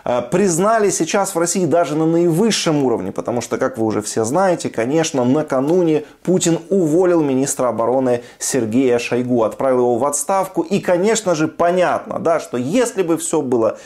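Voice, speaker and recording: A man's voice: on the high side, expressive, a little fast, few pauses, a little mellow. A man in his thirties giving opinionated news commentary as a host, emphatic and repeating his points. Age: 30s.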